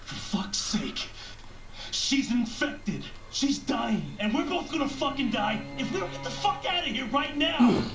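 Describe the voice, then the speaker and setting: A man's voice: very high-pitched, very animated, a little slow, roomy sound, music in the background, full character voice. An actor playing a tense male soldier who gives blunt orders and swears heavily. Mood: urgent. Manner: clipped, urgent orders, heavy swearing.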